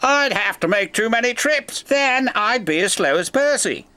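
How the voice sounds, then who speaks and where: A man's voice: extremely high pitch, animated, normal speed, bright, forceful tone, voice pushed up, exaggerated voice. A man voicing a cheerful, confident male helicopter with a somewhat proper manner. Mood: breezy. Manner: breezy, proper. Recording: music behind the voice. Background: music.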